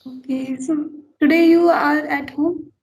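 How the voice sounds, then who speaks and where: A young woman from India, a postgraduate student whose first language is Maithili, speaking English slowly and carefully in a casual practice chat. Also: high-pitched, fairly even intonation, darkish tone, poor audio. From Uttar Pradesh, India. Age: young adult. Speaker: postgraduate student and channel host.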